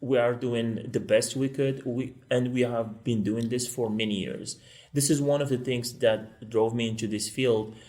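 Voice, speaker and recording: A middle-aged man from Morocco speaks on a podcast panel, explaining with earnest, patient detail. His voice sits at an ordinary middle pitch, and he pauses often on fillers as he works through a point. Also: steady tone, darkish tone. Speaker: law school technology librarian and teacher.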